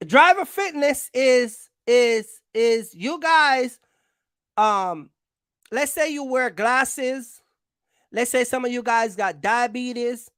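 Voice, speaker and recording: A woman's voice: a little high, slow pace, fairly bright tone, no echo, studio quality. A woman hosting an informal explainer for viewers, speaking bluntly and emphatically in colloquial, slangy language and repeating phrases for stress. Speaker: trucking channel host giving advice.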